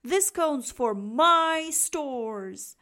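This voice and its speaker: Greedy little boy squirrel yelling, high and loud, put on by a lady reading a storybook. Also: lively intonation, drawn-out words, exaggerated voice. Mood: defiant. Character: greedy male squirrel, fussy hoarder.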